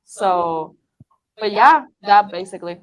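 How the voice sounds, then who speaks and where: Woman, mid-pitched, informal panelist who talks through her craft in loose, rambling explanations. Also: lively intonation, takes it slowly, rough recording. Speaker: prop maker, panelist. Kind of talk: casual chat.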